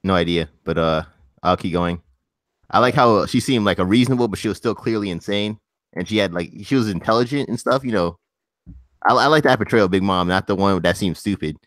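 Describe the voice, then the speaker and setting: A man's voice: lowish voice, fairly quick, fairly bright tone, no room sound. A young man co-hosting a casual chat on a voice call, dry and needling, laughing at his friend's claims. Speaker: co-host.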